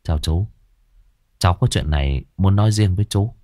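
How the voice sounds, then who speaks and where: A man voicing a brash young exorcist who mutters curtly in a low voice. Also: fairly quick, dark tone, dry recording, studio quality, natural voice. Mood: curt muttering. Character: cocky young male exorcist.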